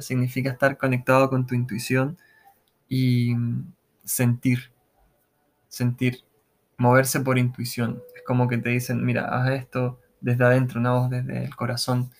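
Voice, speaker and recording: A man telling his own paranormal experience in a relaxed, halting, casual way, full of restarts and slang. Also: mid-range voice. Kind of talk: casual first-person storytelling.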